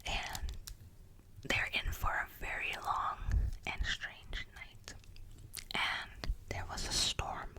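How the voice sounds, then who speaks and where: A woman speaks in a soft, unvoiced whisper pressed close to the microphone. She talks in an unhurried, drawn-out way, rambling casually and stopping to correct herself mid-thought. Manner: rambling, self-correcting, chatty. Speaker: ASMR creator. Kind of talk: whispered ASMR movie recommendations. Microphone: close ASMR microphone.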